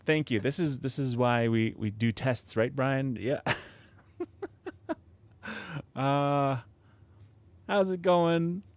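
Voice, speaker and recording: This livestream host, who builds model kits from his home setup, talks slowly with a medium-pitched voice and frequent pauses. His casual chat to viewers rambles, with many restarts, fillers and frequent chuckles. Close studio miking gives his voice a proximity effect.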